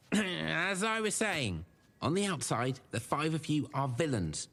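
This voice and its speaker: An actor playing an earnest, fussy animal teacher in an animated film, with a grand lecturing manner that gets easily flustered. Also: male voice, on the high side, slow, heavily acted. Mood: flustered, insistent. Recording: film soundtrack with loud music behind.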